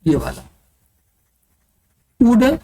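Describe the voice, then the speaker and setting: A man's voice: high voice, big pitch swings, extremely slow, creaky, warm tone, slight background noise, rough recording. A man teaching an online exam-prep English grammar lesson, explaining step by step and answering his own questions aloud. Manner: asks the class questions and answers them himself, repeating key terms.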